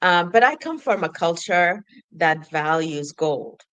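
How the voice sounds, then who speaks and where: A woman from Sudan chatting casually on a podcast, animated, laughing often and acting out her own thoughts. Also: on the low side, a little slow, clear, resonant tone, dry recording, lo-fi sound. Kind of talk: casual conversation.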